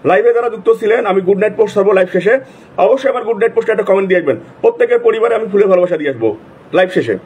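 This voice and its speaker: A man hosting a live stream, repeatedly calling out viewers' names in rapid, repetitive bursts. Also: high-pitched, lively intonation, darkish tone, husky. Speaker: livestream host. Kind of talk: casual live-stream shout-outs.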